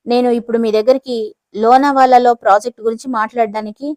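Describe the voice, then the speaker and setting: A woman voicing an angry, pushy company boss who talks in a loud, indignant way. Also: a little high, fairly even intonation, fast talker, dry recording, lightly acted. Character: angry, pushy middle-aged company CEO.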